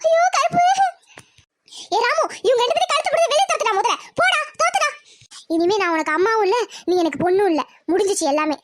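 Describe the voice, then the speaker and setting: A woman's voice: very high-pitched, animated, very fast, few pauses, a bit bright, no echo, studio quality. A woman voicing an anxious, devout middle-aged mother in a cartoon who scolds and wails. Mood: furious. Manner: scolding, wailing and fretful. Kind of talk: cartoon voice acting.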